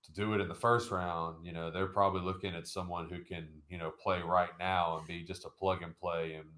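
A man with a very low voice co-hosts a laid-back sports podcast. He wanders through his points, piling on fillers and "I believe" hedges as he goes. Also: level tone, brisk, fairly bright tone. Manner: rambling, heavy with fillers and hedges. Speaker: podcast co-host. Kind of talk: casual sports chat.

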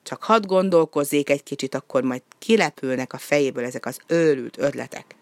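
A reader voicing a patient, motherly female seal who speaks calmly and scolds gently. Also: mid-range voice, no room sound, close to an everyday voice. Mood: patient, admonishing.

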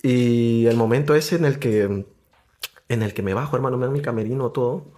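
Young peruvian guy on a podcast, chatty and animated, middle-pitched, keeps saying brother. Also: brisk. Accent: Peruvian Spanish. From Peru. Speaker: podcast guest. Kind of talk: casual interview storytelling.

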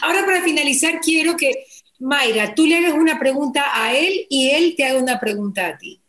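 A woman's voice: high voice, lively intonation, fairly quick, a bit bright. A woman hosting a casual interview. She prompts her guest with questions and brief reactions. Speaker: host. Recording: roomy echo.

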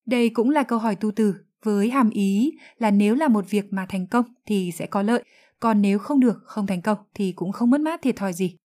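A woman whose first language is Vietnamese, explaining English phrases in a lesson with calm, careful pronunciation. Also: mid-range voice, brisk. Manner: calm, clear, careful enunciation of English examples. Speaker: English teacher.

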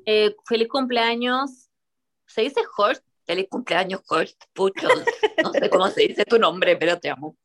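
A woman co-hosting a podcast, giving a casual birthday shoutout. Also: medium pitch, expressive, a little slow. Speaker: podcast co-host. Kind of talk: casual chat.

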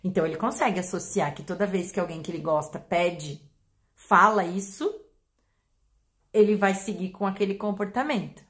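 A woman with a Brazilian Portuguese accent, a pet behavior educator explaining to her audience in an animated way, acting out examples. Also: on the low side, normal speed. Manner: animated, acts out examples with voice changes.

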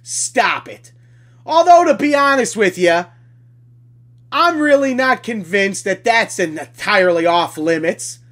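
A woman's voice: mid-range voice, animated, unhurried, a bit bright. A woman hosting a podcast, delivering a sarcastic, profanity-laced ranting monologue in a combative tone. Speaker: podcast host.

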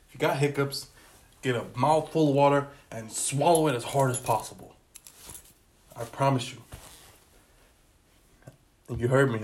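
A man's voice: medium pitch, background noise. A man in casual vlog chat, loose, profane and joking. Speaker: vlogger.

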